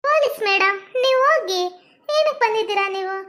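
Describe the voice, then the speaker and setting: Woman as sing-song, leering cellmate in a comic skit; high voice. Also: lively intonation, a little fast, fairly bright tone. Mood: taunting. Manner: taunting, sing-song repetition. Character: pushy, leering female cellmate, bossy.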